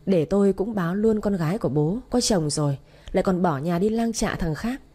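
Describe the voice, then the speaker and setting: A woman voicing an angry, bullying young husband who shouts and sneers in an audio story. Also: mid-range voice, fairly quick, slightly rough, close to an everyday voice.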